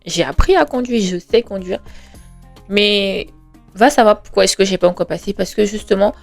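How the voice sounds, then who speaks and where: A gravelly, medium-pitched female voice at a normal pace belongs to a podcast host in her twenties. She delivers a reflective monologue in an earnest, conversational tone, full of hesitations, rhetorical questions and emphatic reassurance, while faint music plays behind her.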